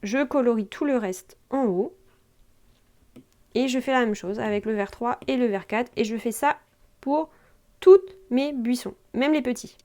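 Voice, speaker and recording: A young woman with a fairly high voice talks a viewer through a digital drawing tutorial. She is chatty and informal, and keeps checking in with quick asides while she works. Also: mellow. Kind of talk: screen-recorded drawing tutorial.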